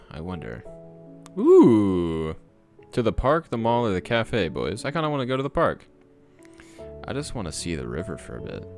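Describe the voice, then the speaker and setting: A man's voice: a bass voice, gravelly, full character voice. A man reading as a sad teenage girl, Sayori. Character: cheerful teenage girl with hidden sadness. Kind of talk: reading game dialogue aloud. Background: background music.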